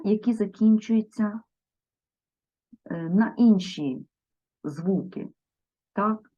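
A woman teaching a grammar lesson, spelling out word forms slowly and carefully and speaking directly to her viewers. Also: medium pitch, mellow. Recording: dull lo-fi sound.

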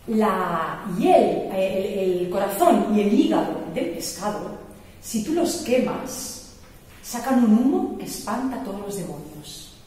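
Woman voicing a calm young guide. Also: medium pitch, slow pace. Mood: explaining. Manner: patient, explaining. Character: young male travel guide, calm and knowing. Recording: echoey church hall, mic far off.

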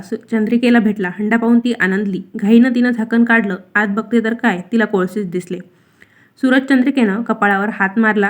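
Woman with a Marathi accent narrating a devotional tale. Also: on the high side. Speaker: storyteller.

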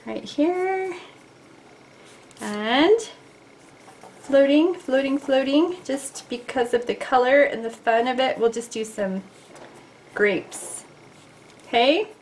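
A woman's voice: high voice, slow, pauses often, a little mellow, a little hiss or hum. A middle-aged woman teaching a casual drawing lesson, chatty and playful, talking to her viewers as she sketches at a desk. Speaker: art teacher.

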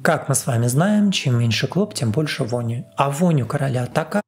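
A man's voice: medium pitch, lively intonation, brisk, a little mellow. A former TV reporter, a man, narrates a story in a sarcastic monologue.

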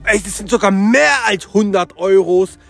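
Man, game role-play, casual joking, gravelly, faint music behind. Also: sits high, moderate pace, a bit bright. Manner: casual, joking, addresses viewers. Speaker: guest player.

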